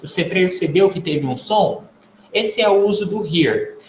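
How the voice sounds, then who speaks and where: A man's voice: sits high, lively intonation, a little slow, slight background noise. A man teaching English vocabulary in a patient, explanatory video lesson, often checking in with his students. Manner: patient, explanatory, tags phrases with "tá?". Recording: echoey room.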